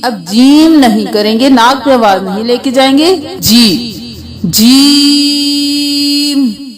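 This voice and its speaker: High-pitched female teacher with a Pakistani Urdu accent, slow drawn-out letters, brisk explanations. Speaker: Quran reading teacher. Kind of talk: letter-by-letter pronunciation lesson.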